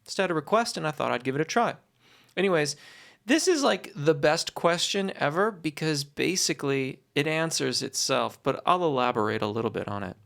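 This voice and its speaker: A voice teacher answers questions conversationally and explains things with encouraging, reassuring, deliberate and articulate phrasing. Her voice sits at medium pitch and sounds expressive, creaky and a bit bright.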